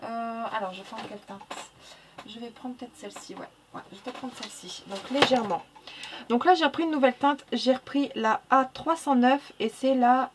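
A woman with a non-standard French accent talks her way through a coloring tutorial in a relaxed, chatty way. She corrects herself often and keeps muttering "hop" as she works. Her voice sits a little high, with a faint hiss in the room behind it. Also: a little fast. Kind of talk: casual narrated drawing tutorial.

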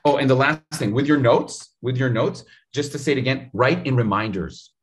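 On a video call from home, with his studio mic in view, a thirtysomething man delivers lively interview advice about public speaking. His pitch is medium and his pace moderate, and he speaks straight to the viewer with lots of gestures and animation.

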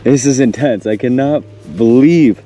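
A young man vlogging his fishing trip outdoors on a frozen lake, talking excitedly and laughing often into an action camera. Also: mid-range voice, measured pace, soft background music. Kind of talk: excited outdoor vlog chat. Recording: outdoor wind noise on camera mic.

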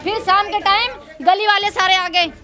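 A woman's voice: very high voice, fairly even intonation, moderate pace, bright, forceful tone, some chatter behind. A woman from the in-law family, talking outdoors outside the house and arguing defensively against the accusations. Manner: argumentative, defensive. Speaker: in-law of the interviewee. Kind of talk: street interview.

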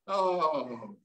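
A man in his eighties preaching a sermon as pastor, slow and emphatic in a folksy way, recorded on a desk mic in a small room. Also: sits high, sharp tone, rough recording. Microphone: desk mic on stand, streamed over video call.

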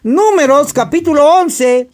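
A man's voice: very high-pitched, unhurried. A male pastor preaching a sermon and firing questions at his congregation to get answers back.

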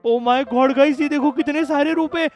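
A man giving excitable, casual gameplay commentary who keeps calling out to his viewers. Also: very high voice, normal speed. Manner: excitable, addresses viewers as guys. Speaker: gaming YouTuber.

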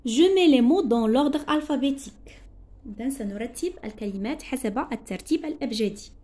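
A woman teacher with a Moroccan accent, slowly explaining a primary school lesson, spelling out letters and translating words as she goes. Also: sits high, expressive, warm tone.

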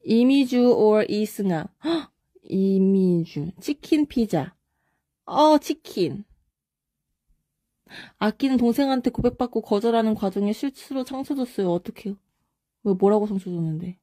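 Young woman, casual live-stream chat, reads comments aloud, warm mellow tone, dry close sound. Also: medium pitch, animated, no room sound. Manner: chatty, reads comments aloud, answers quick either-or questions.

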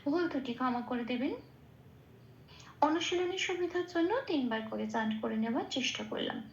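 A woman walks through a pronunciation lesson slowly and patiently, pausing on soft hums as she explains. Her voice sits high. The recording is roomy and a little dull. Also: expressive, gravelly, slight background noise. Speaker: Gita recitation teacher.

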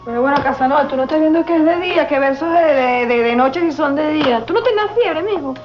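An actress playing a teasing, sharp-tongued woman with a Venezuelan accent. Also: high-pitched, brisk, natural voice. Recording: dull TV audio with music.

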